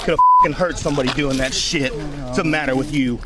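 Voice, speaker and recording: A male police officer giving blunt, forceful, repetitive callouts and commands, recorded on a police dashcam. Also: a little high, wildly swooping pitch, a little fast. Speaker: police officer in a chase and arrest. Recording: very noisy police dashcam audio, siren. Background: loud siren and vehicle noise.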